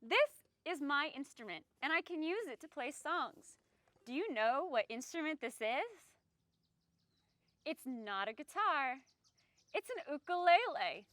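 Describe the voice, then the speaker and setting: Playing a friendly singing mermaid who loves the land, a woman presents a children's storytime read-aloud and singalong, talking straight to young viewers with playful, exaggerated expression. Her voice is high and a bit bright, with big pitch swings and a slightly slow pace, and there's no room sound.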